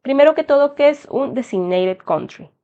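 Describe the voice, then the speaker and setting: A woman's voice: high-pitched, animated, normal speed. A young adult woman from Peru with a Peruvian Spanish accent, walking viewers through an application form in a friendly explanatory tutorial. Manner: explanatory, addresses viewers as "chicos". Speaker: immigration tutorial host. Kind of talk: step-by-step tutorial narration. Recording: slightly dull lo-fi sound.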